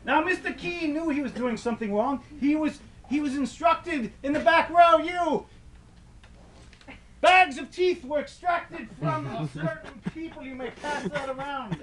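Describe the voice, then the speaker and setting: A man's voice: very high voice, animated, unhurried, fairly bright tone, full character voice. A man playing a macabre ghost tour storyteller, narrating comic horror in a theatrical, wordy, mock-grandiose way. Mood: loud, gleeful. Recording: distant mic, light background noise.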